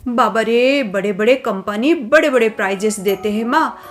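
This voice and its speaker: A woman's voice: fairly high pitch, moderate pace, lightly acted. A woman voicing a spoiled, scheming young wife who sweet-talks and boasts, in a cartoon story. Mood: boastful. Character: scheming spoiled young wife, sticky-fingered sister-in-law.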